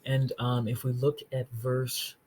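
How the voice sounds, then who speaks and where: Speaking with a very deep voice and a flat delivery, a woman leads an informal online Bible study. She earnestly explains the verses, restarts her sentences, asks "okay?" often, and reads scripture slowly, with background noise present.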